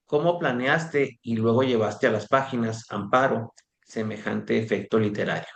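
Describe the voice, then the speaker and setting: Man, moderator, mid-pitched voice, reads questions aloud steadily, informal chat. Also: normal speed, creaky, muffled recording. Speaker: moderator of an online book presentation. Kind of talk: reading audience questions, chatting. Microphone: video call.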